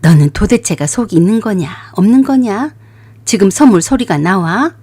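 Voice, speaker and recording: A woman voicing a stern, scolding older mother-in-law in a radio drama, lowering her voice into sharp rebukes. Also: expressive, moderate pace, breathy edge.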